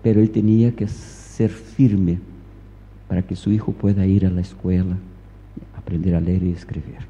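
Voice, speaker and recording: A man's voice: low voice, flat delivery, normal speed, warm tone, a little hiss or hum. A male pastor preaching a sermon, telling a story and pressing his listeners with emphatic rhetorical questions, in a reverberant church hall.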